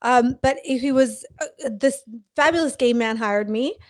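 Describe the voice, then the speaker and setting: Young woman, high voice, animated storyteller who does voices. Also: measured pace. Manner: animated, laughing, acts out quoted people. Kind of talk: casual storytelling chat.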